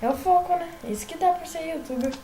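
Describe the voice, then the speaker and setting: Speaking quickly in a very high voice, a woman with a Brazilian Portuguese accent provides laid-back commentary on her gameplay for YouTube, getting worked up and frequently shouting at the game. There is slight background noise.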